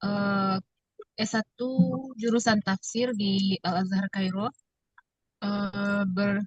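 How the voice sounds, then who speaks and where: A woman in her thirties from West Sumatra, a teacher introducing herself to a graduate class in a measured way, with fillers. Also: mid-range voice, little pitch movement, no echo, lo-fi sound, faint music behind. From West Sumatra, Indonesia. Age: 30s.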